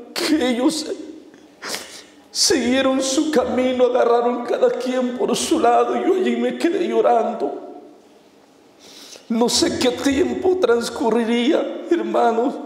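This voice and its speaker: A man's voice: very high-pitched, steady tone, slow pace, a little mellow. A man preaching as an evangelist, giving an impassioned sermon testimony with repeated appeals to his brethren. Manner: impassioned, repetitive, addresses brethren. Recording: echoey hall.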